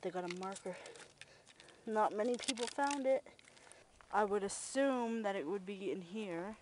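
A woman's voice: medium pitch, measured pace, slight background noise, low-quality recording. A young woman chatting casually and exclaiming often as she films herself geocaching outdoors on a handheld camera. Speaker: vlogger filming a geocaching trip. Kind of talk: casual chat while exploring. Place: outdoors, brushy desert lot.

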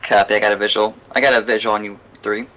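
Quick-talking young man on noisy voice chat. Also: on the low side, flat delivery. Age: young adult. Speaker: flight leader in a flight simulator. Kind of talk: radio calls and casual chat. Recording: clearly noisy headset voice chat.

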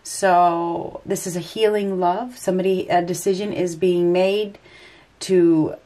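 Warm, low and steady, this woman's voice takes an unhurried pace even though her nose is stuffed from a head cold. She's a tarot reader working at an indoor table, flipping cards and thinking aloud in a loose, hesitant, unscripted way.

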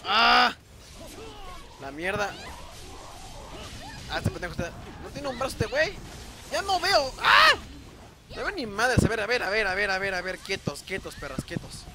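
A man with a Mexican Spanish accent commentating his own gameplay. He talks in a high, lively voice that jumps all over. He swears and yells at the enemies on screen. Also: normal speed, pauses often, background noise. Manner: excitable, swearing, shouting at enemies. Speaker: gameplay video host.

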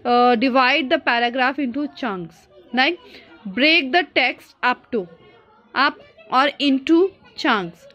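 A woman teaching exam speaking tips, mixing English and Hindi and often asking "Clear?". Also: sits high, a bit bright, dull audio. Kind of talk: spoken-exam tips lesson.

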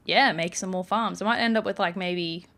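Woman, gaming channel host, casual chatty play-along, mid-pitched voice, faint keyboard clicks behind. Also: normal speed, pushed and bright, a little hiss or hum. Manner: chatty, rambling, many "like" and "um" fillers. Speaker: gaming YouTuber. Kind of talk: casual let's play commentary.

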